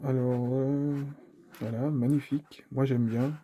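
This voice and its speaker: A man's voice: mid-range voice, fairly even intonation, measured pace, warm tone, slight background noise. A man presenting a collectible figure at home in a rambling, self-mocking way, repeating his words. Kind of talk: casual unboxing chat. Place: home room, family heard in the background.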